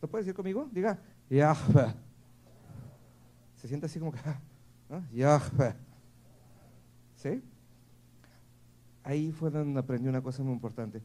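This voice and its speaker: A man's voice: on the high side, quick pace, mellow. A man with a Mexican accent preaching a sermon at a church service, speaking conversationally and checking in with the congregation again and again. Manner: playful, laughs between points. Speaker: pastor.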